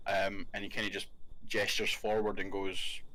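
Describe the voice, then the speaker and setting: A man's voice: on the low side, flat delivery, moderate pace, sharp tone, rough recording. A man narrating as game master in a casual, swearing, giggly way over a voice call.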